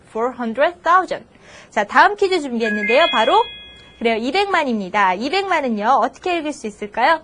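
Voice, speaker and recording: A woman teaches a scripted English lesson, her voice high and swinging widely in pitch. She keeps prompting her students with quick questions. She reads each English example out slowly and deliberately. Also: background noise. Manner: slow, drawn-out English model phrases between Korean explanations.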